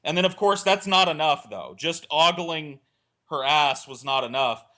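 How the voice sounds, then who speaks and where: On a casual podcast, a man with a fairly high voice tells a crude, rambling comic anecdote at a moderate pace, animatedly acting out the quotes.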